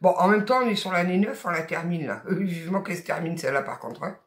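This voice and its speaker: A tarot reader with a Southern French accent gives a spoken guidance reading, emphatic, colloquial and encouraging, tossing in blunt asides. Her voice sits at medium pitch and moves fast, and the room is echoey.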